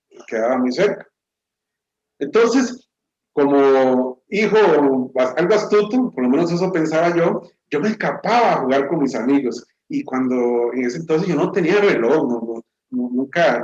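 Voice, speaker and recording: A middle-aged man with a Costa Rican accent, preaching a sermon as a pastor and telling a personal story with animated, acted-out voices. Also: fairly high pitch. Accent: Costa Rican Spanish. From Costa Rica. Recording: echoey, dull church recording.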